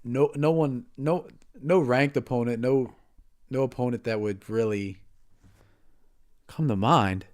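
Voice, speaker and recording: A man co-hosting a casual podcast, talking about fighters in a halting way, repeating words and trailing off. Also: medium pitch, darkish tone. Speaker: podcast co-host. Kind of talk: casual sports chat.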